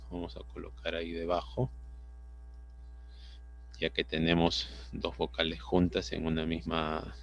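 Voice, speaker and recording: A man with a Peruvian Spanish accent teaching an online class, explaining patiently and often checking understanding with tag questions. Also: sits low. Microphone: computer mic on a video call. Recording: dull lo-fi video call audio.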